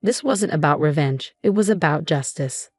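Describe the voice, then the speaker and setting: A woman reading a first-person story as scripted narration, in a steady, measured way. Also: low voice, slightly rough, no echo, clean studio sound, soft background music.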